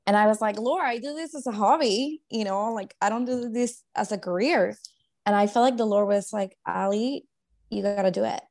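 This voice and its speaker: A woman's voice: medium pitch, normal speed, a little mellow. A woman in her thirties from Guatemala, a life coach talking earnestly and reflectively in a casual faith-based interview, with many fillers and restarts. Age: 30s.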